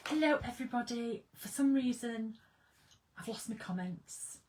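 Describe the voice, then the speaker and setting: A woman hosting a casual craft live stream from her workroom, chatting in a bubbly, excitable way as she greets viewers and reads their comments. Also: fairly high pitch, normal speed, slight background noise.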